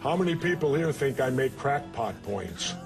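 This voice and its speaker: Man, combative, interrupting, heated debate, clear music underneath. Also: medium pitch, animated, normal speed. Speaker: former politician debating on TV.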